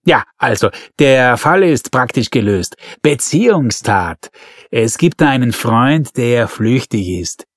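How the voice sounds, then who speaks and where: A man's voice: mid-range voice, lively intonation, slow pace, no echo. Male narrator as an awkward officer, hesitant, dry close sound.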